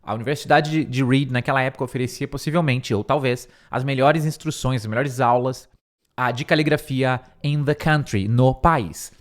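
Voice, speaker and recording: A young Brazilian man with a Brazilian Portuguese accent, teaching English in a casual screen-share lesson, chatting and slowly repeating words for practice. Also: medium pitch.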